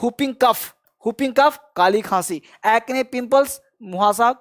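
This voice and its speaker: A man's voice: very high-pitched, unhurried, a bit bright. A male teacher giving a spoken vocabulary lesson. He drills each word with frequent repetition, asks listeners to repeat after him, and praises them often.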